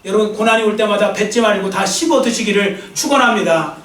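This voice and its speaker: A man preaches with a strikingly high voice, pressing his points hard and turning to the congregation with quick jokes. He is picked up from some distance away, so his voice carries the echo of a church sanctuary. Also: lively intonation, a bit bright, a little hiss or hum. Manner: emphatic preaching, addresses congregation directly, jokes with them. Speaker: pastor. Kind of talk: sermon.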